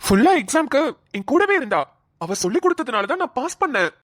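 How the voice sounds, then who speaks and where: A man's voice: extremely high pitch, big pitch swings, fast, fairly bright tone, no echo, clean studio sound, full character voice. Lady doing a happy-go-lucky young guy in a cartoon, police trainee, bouncy up-and-down voice. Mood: cheerful. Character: young male police trainee, cheerful, devoted to his wife. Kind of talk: cartoon dialogue.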